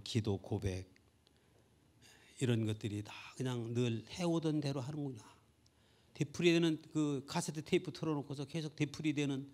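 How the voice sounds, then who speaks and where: A middle-aged male pastor preaching a sermon at a Sunday church service, telling a personal story earnestly and building to loud, fervent peaks. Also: mid-range voice.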